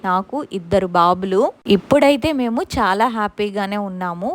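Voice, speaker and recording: A woman's voice: mid-range voice, expressive, moderate pace. A woman narrating a first-person ghost story in an earnest, conversational way.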